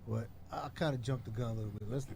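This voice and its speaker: A man's voice: medium pitch, fast talker, dark tone, slight background noise. A man hosting a radio interview, talking with slangy enthusiasm. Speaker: radio host. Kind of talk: casual interview.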